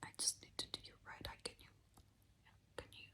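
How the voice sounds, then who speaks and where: A woman whispering softly and slowly, playing a makeup artist in a soothing ASMR roleplay, close to the microphone. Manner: soft, slow, soothing whisper, close personal attention.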